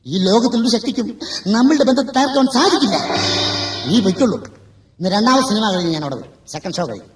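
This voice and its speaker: A man plays a loyal male stray dog in a stage story, speaking softly and reassuringly. The voice sits high, heard from afar in an echoey hall over loud music. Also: expressive, quick pace, far from the mic. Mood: tender. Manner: soft reassuring promises. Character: devoted male street dog lover.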